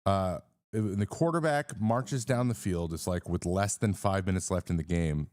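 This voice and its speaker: A man's voice: sits low, normal speed, darkish tone, no room sound, clean studio sound. A man in his thirties hosting a casual sports live stream, rambling with fillers and restarts and greeting viewers in the chat.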